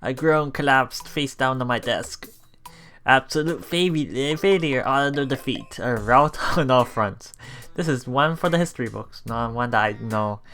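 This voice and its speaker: During a let's play, a man reads story narration aloud and adds casual commentary, halting and chuckling along the way. His voice is mid-range and a bit bright, heard over the game's background music.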